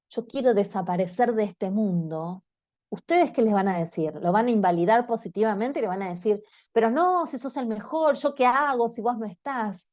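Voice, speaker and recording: A woman with an Argentine accent gives an online talk to parents, engaging her listeners and checking in with them often. Her voice is mellow and soft-toned, and the sound is close and dry, as if picked up by a video-call mic. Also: mid-range voice, no echo. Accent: Argentine Spanish.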